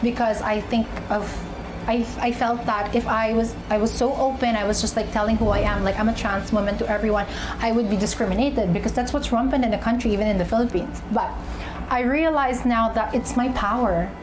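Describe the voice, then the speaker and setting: A young woman, an actress and pageant contestant, candidly recounting her personal journey in an interview, often pausing to find her words. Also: a little high, steady tone, noisy background. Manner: candid, searching for words with fillers and restarts. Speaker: interviewee, actress and beauty queen. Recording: music bed underneath.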